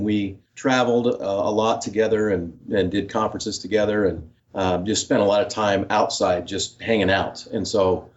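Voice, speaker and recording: Middle-aged man, low voice, rambling storyteller, lo-fi remote audio. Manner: warm storytelling with many fillers and restarts. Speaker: author and theology professor. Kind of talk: interview answers. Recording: dull, lo-fi remote line.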